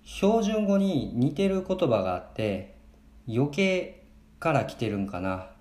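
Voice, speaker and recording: A man's voice: medium pitch, sing-song, slow, darkish tone. A man with a Kansai accent hosting a podcast lesson on his dialect, switching between Japanese and careful, non-native English explanations. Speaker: podcast host and dialect teacher. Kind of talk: bilingual language lesson podcast. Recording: roomy echo.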